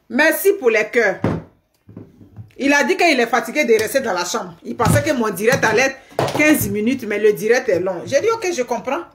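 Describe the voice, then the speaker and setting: A middle-aged woman chatting live to her viewers from a room at home, animated, often laughing, thanking people by name. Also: fairly high pitch. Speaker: livestreamer. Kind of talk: casual live stream chat. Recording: echoey room.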